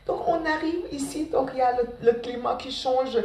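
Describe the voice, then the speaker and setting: A woman in her forties with a Senegalese accent, talking fast and casually to students about her studies, repeating words and leaning on fillers. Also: high voice, a little mellow, distant mic. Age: 40s. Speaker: care assistant sharing her study path. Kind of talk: casual spoken testimony to students. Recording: roomy sound, from off the mic.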